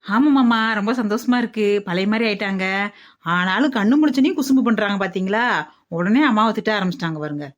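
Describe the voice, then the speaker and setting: Quick gentle-voiced woman. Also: medium pitch, lively intonation, muffled recording. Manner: gentle, soothing. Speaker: daughter. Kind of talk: comic skit.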